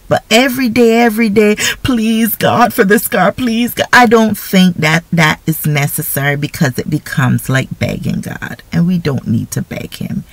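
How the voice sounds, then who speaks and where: A woman's voice: sits low, gravelly, no echo, low-quality recording. A woman giving an informal devotional talk on prayer, speaking conversationally and often checking in with listeners by asking "right?". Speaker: faith speaker.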